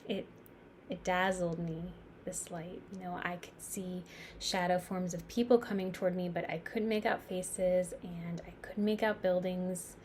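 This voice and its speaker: A woman playing a reflective New Yorker in an intense dramatic stage monologue, speaking in a halting, confiding way. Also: lowish voice, steady tone, a little mellow, a little hiss or hum, lightly acted. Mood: dazzled, wondering. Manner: halting, confiding, pausing and repeating words for emphasis. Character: reflective New York woman musing on mortality. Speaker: actor performing a stage monologue.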